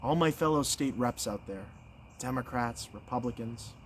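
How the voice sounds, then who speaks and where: Young American male candidate, folksy stump speaker. Earnest, emphatic, mid-pitched, deliberate pauses; recorded outdoors with light insect noise. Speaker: political candidate. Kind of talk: folksy campaign stump speech.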